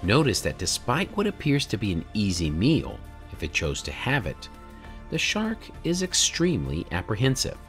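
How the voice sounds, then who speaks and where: A man in his forties narrates a documentary in a measured, explanatory tone, often asking rhetorical questions. His voice sits low but moves with lively intonation. Faint music plays underneath. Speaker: drone videographer and channel host. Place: home studio room, indoors.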